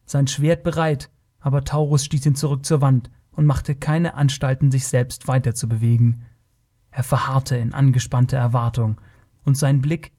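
Dark-voiced male audiobook narrator. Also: medium pitch. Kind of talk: scripted narration.

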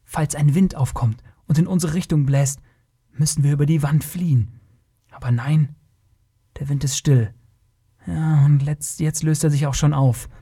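Brief: sly master thief, hushed and quick, proud of his craft, as a male narrator puts him on. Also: fairly high pitch, fairly even intonation, breathy edge. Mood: tense.

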